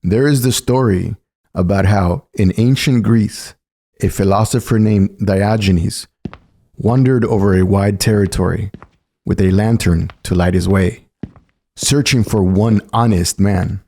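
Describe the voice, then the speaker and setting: Here a man narrates a polemical political essay from a script, his voice on the low side and warm in tone. He reads a little slowly.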